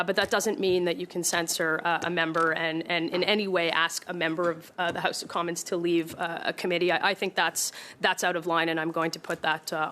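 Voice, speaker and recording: A woman member of parliament arguing her point in a committee hearing, halting and repeating herself but insistent. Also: on the low side, fairly bright tone. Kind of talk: committee debate.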